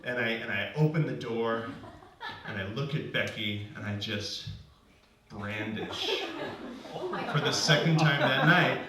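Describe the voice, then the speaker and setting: A man's voice: mid-range voice, lively intonation, slow pace. A man telling a personal story live on stage, talking in a loose conversational way full of restarts and "like.". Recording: very echoey room, distant mic, faint hiss.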